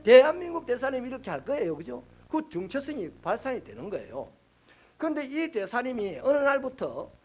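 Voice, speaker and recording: A male pastor preaching a sermon, animated and sometimes shouting out quoted rebukes to his congregation. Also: extremely high pitch, creaky, lo-fi sound.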